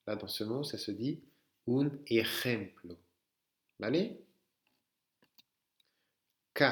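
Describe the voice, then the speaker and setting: A French man teaching Spanish pronunciation letter by letter, slowly repeating words for his students to say back. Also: lowish voice, roomy sound. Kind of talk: online language lesson.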